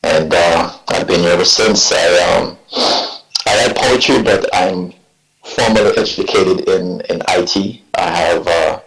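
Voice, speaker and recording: A man in his forties from Jamaica, speaking with a Jamaican accent, telling his story as a guest poet in a reflective, halting way. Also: deep voice, fairly bright tone, soft background music. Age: 40s. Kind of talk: relaxed interview talk. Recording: echoey room.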